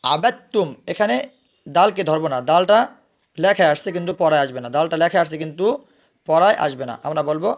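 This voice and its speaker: A man teaches recitation. He spells words out letter by letter, asks questions and answers them himself, then chants the words slowly. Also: fairly high pitch, muffled recording.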